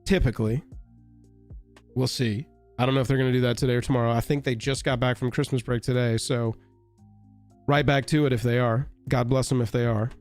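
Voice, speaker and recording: A man with a raspy, hoarse voice from being sick, hosting a casual live stream in a rambling, wry, offhand way. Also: mid-range voice, steady tone, fairly quick, long pauses, darkish tone, faint music behind.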